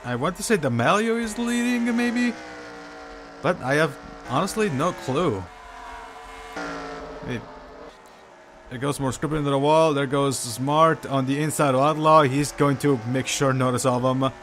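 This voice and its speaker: A man giving live sim racing commentary, hesitant and full of fillers, unsure of the order and bursting into excitement at incidents. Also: a little high, a little slow, long pauses, noisy background. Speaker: race commentator.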